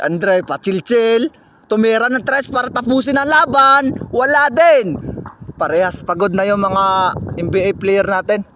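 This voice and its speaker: A man doing playful mock play-by-play commentary on a casual basketball game, teasing the players, laughing often and shouting on big plays. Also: high voice, a little hiss or hum.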